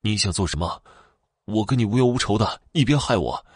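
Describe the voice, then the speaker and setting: A man voicing a frightened young man, pleading in quick, strained bursts. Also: on the low side, animated, a little mellow, slightly rough, no echo, clean studio sound.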